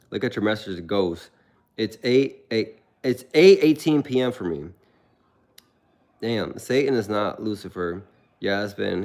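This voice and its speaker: A young man chatting casually on a livestream, telling stories with animation and reading viewers' comments aloud. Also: fairly low pitch. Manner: animated storytelling, reads chat aloud.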